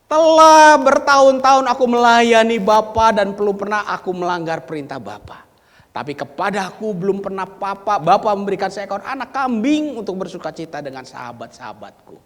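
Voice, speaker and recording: A man's voice: high voice, very animated, brisk, pitched above the performer's own voice. A man playing a bitter elder son. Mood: aggrieved. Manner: loud, aggrieved complaining. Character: resentful grown elder son, hardworking and bitter. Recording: reverberant church hall.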